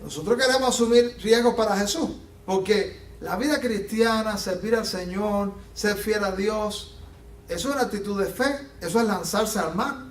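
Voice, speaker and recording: A man preaching a sermon as pastor, animated and acting out the Bible scenes he tells. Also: sits high, normal speed. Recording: echoey room from a distance.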